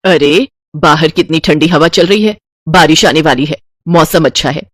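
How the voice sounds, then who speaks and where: A woman's voice: deep voice, moderate pace, dry recording, clean studio sound. A woman voicing a stingy, scheming old mother-in-law in a cartoon, with a scolding, penny-pinching manner.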